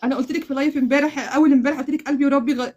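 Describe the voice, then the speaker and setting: A woman with an Egyptian Arabic accent hosting a crochet giveaway live stream, excitable and laughing often, repeating oaths as she chats. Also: high voice, racing, highs cut off, a little hiss or hum. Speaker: crochet channel host.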